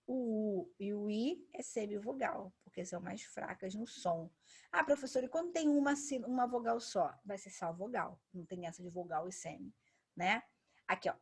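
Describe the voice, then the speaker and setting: A woman teacher giving a patient grammar lesson, saying example words slowly and twice. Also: medium pitch, fairly bright tone, husky. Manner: patient, says each example word twice.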